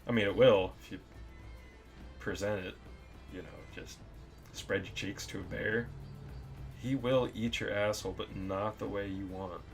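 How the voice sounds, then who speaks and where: A man's voice: fairly low pitch, steady tone, measured pace, vocal fry, long pauses, soft background music. A man hosting a casual comedic monologue, reciting limericks and chuckling at his own crude jokes. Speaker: video host reciting limericks.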